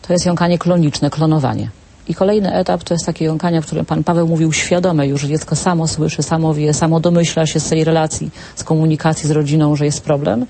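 A woman speech therapist calmly explaining clinical terms as a guest on a talk show. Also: deep voice, fast talker, gravelly, slight background noise.

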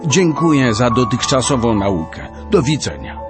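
A man's voice: mid-range voice, big pitch swings, moderate pace, loud music behind the voice, lightly acted. A man voicing a desperate schoolboy who pleads with his teacher in an audiobook story. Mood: resolute. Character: desperate schoolboy with a sick mother.

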